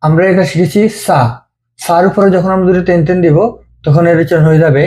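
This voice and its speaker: Patient man with a mellow voice. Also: a little high, steady tone. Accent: Bengali. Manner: slow, patient, repeating each sound. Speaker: language teacher. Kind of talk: step-by-step script lesson.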